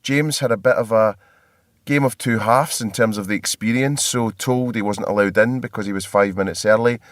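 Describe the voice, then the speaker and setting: A man's voice: on the low side, steady tone, normal speed, no echo, studio quality. A man with a Scottish accent hosting a marketing podcast, chatty and self-deprecating, laughing often. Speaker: podcast host. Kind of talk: casual podcast chat. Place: hotel.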